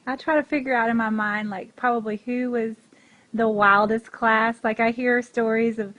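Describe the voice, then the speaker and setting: A woman's voice: on the high side, steady tone, normal speed, a bit bright. A woman in her forties, chatting casually as an interviewer. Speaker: interviewer, former student. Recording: slightly dull, lo-fi sound.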